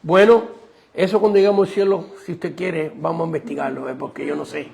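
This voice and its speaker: Gravelly high-voiced preacher. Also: male voice, fairly even intonation, fairly quick, a little mellow. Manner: emphatic, asks the congregation rhetorical questions. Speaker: pastor. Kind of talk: sermon.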